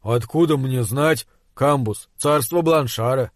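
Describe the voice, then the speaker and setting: A man's voice: mid-range voice, a little slow, dry recording, studio quality, natural voice. A man voicing a puzzled male radio officer in an audiobook, evasive and defensive.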